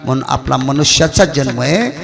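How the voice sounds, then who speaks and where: In a temple hall, with tabla and music behind him, a man from the Marathwada region performs a devotional kirtan sermon full of stories and sung verses. His medium-pitched, gravelly voice is animated at normal speed, shifting between loud declamation and hushed asides.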